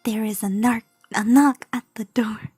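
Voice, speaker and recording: Slow, breathy woman reading fan fiction. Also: on the high side, fairly even intonation, darkish tone, dry recording, faint music behind. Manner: stumbling, self-correcting, laughing reader. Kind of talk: comedic story reading.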